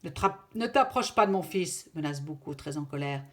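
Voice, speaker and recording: A woman voicing a brave, protective father chamois in a storybook reading, firm and loud. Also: deep voice, fairly even intonation, fairly quick, close to an everyday voice. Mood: angry.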